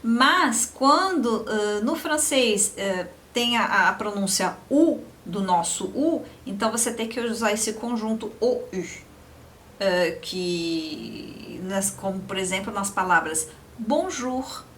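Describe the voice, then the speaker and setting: Slow-speaking woman teaching French sounds. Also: medium pitch, fairly bright tone, slight background noise. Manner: slow, repeats example words for practice. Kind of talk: beginner language lesson.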